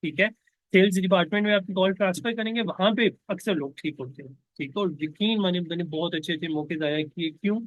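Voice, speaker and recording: A man giving a relaxed step-by-step lesson, checking in with the listener often and slowing down to model sample call lines in English. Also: high voice, no echo, lo-fi sound. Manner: conversational, explains step by step with frequent checks like 'okay'; slows right down when acting out sample English call lines. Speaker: online business trainer. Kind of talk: instructional talk.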